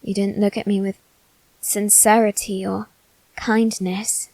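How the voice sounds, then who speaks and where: In an ASMR character drama, a woman voices a proud, wounded, self-loathing young aristocratic boy confronting his demon, using a medium-pitched voice. He speaks slowly and haltingly in formal, theatrical phrasing, with a flat, slightly mellow delivery and a wistful, tender mood. The sound is dry, with no room echo.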